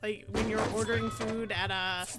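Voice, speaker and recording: A woman's voice: medium pitch, little pitch movement, moderate pace. A woman streamer chatting casually while playing, full of "like" fillers and self-mocking asides. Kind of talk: casual gameplay chat. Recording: game music loud behind voice.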